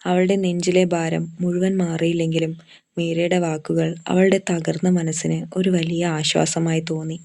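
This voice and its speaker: A woman narrating a romance story in a measured, even reading style. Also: lowish voice, vocal fry.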